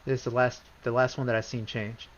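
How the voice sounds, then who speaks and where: A man hosting a live trading stream, talking casually through charts, rambling with many restarts and bursts of excitement. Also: medium pitch, fairly quick. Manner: rambling, restarts often, gets excited and repeats himself. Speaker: livestream trading host. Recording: slightly dull lo-fi stream audio.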